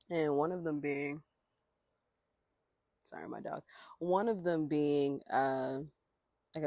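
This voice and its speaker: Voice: mid-range voice, gravelly, a little mellow, dry recording. A podcast host chatting casually outdoors in a rambling, slangy way, laughing between thoughts. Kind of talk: casual solo podcast talk.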